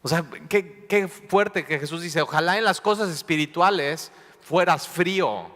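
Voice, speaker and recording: A man's voice: fairly high pitch, unhurried, fairly bright tone, in a large hall. A Mexican man preaching a sermon, playful, acting out small everyday dialogues. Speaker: pastor.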